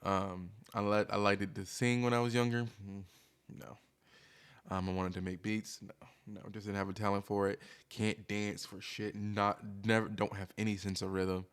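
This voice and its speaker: A man's voice: lowish voice, little pitch movement, normal speed, clear, resonant tone. A man streamer talking casually and candidly in a rambling, hesitant, self-deprecating monologue, as if thinking aloud.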